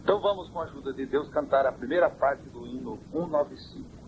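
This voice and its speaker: Church elder, man, measured preaching cadence, recorded on worn old cassette with steady hiss. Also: mid-range voice, highs cut off. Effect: hissy, worn old cassette tape. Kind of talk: answering interview questions on doctrine. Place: family home.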